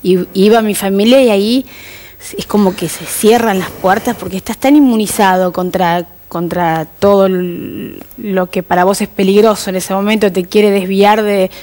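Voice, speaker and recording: A woman's voice: mid-range voice, steady tone, normal speed, a little mellow. A woman with an Argentine accent, a TV interview guest recounting her experience earnestly and vividly, quoting dialogue. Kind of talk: personal storytelling in a TV interview.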